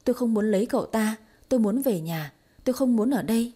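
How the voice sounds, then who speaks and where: A terrified young girl forced into a marriage, as a woman reader voices her in an audio story. She pleads tearfully in a mellow, husky voice. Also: a little high, animated, fast talker. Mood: pleading.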